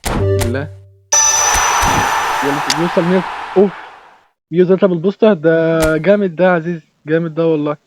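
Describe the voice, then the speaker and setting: A young man with an Egyptian Arabic accent giving excitable live commentary while playing a football game, shouting at the players. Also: fairly high pitch, quick pace, long pauses. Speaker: gaming YouTuber. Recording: clear background noise.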